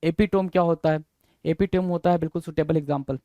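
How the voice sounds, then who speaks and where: High pitched guy teaching vocab, keeps repeating words and quizzing, dry close sound. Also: steady tone, fast, dark tone, dry recording. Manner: drills words, repeats and spells them out, asks students questions. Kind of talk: exam-prep lesson.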